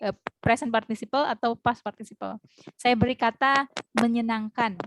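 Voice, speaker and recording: A woman teaching an online English class, explaining slowly and modeling English phrases. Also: a little high, steady tone, a little hiss or hum.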